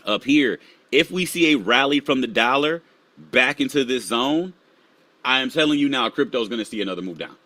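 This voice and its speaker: On a live stream, a man with a fairly bright voice takes his viewers through market charts in a relaxed way, with no echo on the audio. Between charts he mutters quietly to himself while searching, then goes back to chatting with the audience as each one comes up.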